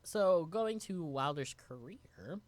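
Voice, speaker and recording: A New York-raised actor co-hosting a podcast reads through a guest's bio in a relaxed, rambling chat stuffed with "like" fillers. His voice is fairly high and slow.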